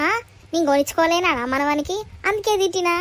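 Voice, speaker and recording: A woman's voice: extremely high pitch, fast talker, a bit bright. A woman voicing a foul-mouthed old village mother-in-law with a Telangana accent, ranting in a cursing tirade. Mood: abusive. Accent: Telangana Telugu.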